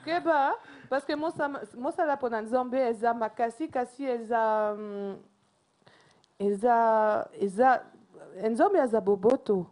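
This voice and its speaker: A woman's voice: on the high side, takes it slowly, a little mellow. A woman giving an emphatic church testimony, repeating herself and switching between languages. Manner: mixes languages, repetitive and emphatic.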